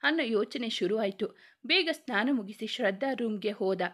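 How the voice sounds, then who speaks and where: Woman narrating a story, fairly high voice. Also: lively intonation, moderate pace, a bit bright.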